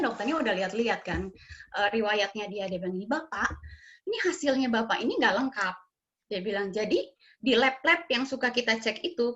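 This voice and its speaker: A woman's voice: on the high side, fairly bright tone. A middle-aged woman tells a family story in a chatty way, acting out quoted dialogue and laughing often. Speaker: guest sharing family experience. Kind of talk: casual storytelling. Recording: dull lo-fi sound.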